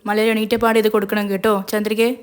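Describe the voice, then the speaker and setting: A woman's voice: mid-range voice, monotone, fast talker, clean tone, natural voice. A woman reading a soothing, kindly older mother figure. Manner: soothing, reassuring. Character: kind older grandmother figure, calm and comforting.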